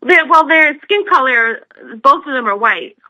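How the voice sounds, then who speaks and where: An American woman calls in to a talk show and speaks hesitantly, full of fillers and restarts. Her voice sits high and sounds animated and sharp at a moderate pace, on a dry, rough recording.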